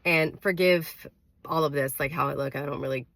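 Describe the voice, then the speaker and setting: A woman's voice: low voice, steady tone, normal speed, fairly bright tone, dry recording. A woman with a congested voice, under the weather, giving earnest, careful dating advice straight to her viewers with many fillers. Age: adult with a daughter. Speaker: vlogger. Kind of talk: casual advice to camera.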